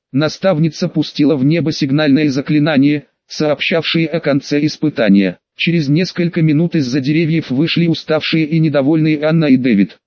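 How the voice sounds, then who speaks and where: A man reading an audiobook as narrator in an even, storytelling manner. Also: fairly high pitch, dry recording, muffled recording. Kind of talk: scripted narration.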